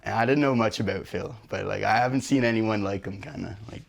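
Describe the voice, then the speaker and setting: A man's voice: fairly low pitch, a little fast, gravelly. A young man from Ontario, telling in a casual, rambling way how he met his friends in a documentary interview. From Ontario, Canada. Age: young adult.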